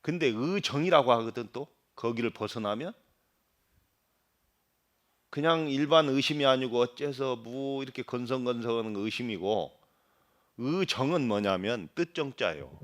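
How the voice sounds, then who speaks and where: Buddhist monk giving a lively dharma talk. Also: male voice, medium pitch, moderate pace. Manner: asks the audience questions, imitates regional dialects; swings between loud emphasis and quiet asides.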